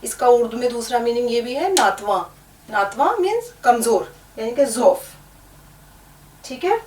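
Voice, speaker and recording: A woman's voice: a little high, animated, unhurried, darkish tone, a little hiss or hum. A woman teaching an Urdu lesson, patiently spelling words out letter by letter. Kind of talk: language lesson. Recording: echoey room, distant mic.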